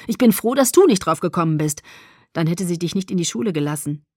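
A woman's voice: fairly low pitch, fast, no room sound, studio quality. A woman voicing a cheerful, teasing teenage boy who speaks eagerly and playfully in an audiobook. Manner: excited, playful.

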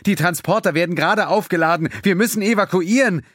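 A man voicing a frantic young male chief of staff yelling over a disaster in an audiobook. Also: high voice, brisk, no room sound, clean studio sound, pitched above the performer's own voice. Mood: urgent. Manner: shouting over chaos.

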